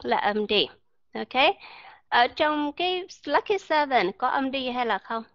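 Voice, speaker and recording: A woman's voice: sits high, lively intonation, unhurried, fairly bright tone, no room sound. A woman teaching an English pronunciation class, calling herself by name and quizzing her students. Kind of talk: classroom lecture. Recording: dull lo-fi dry recording.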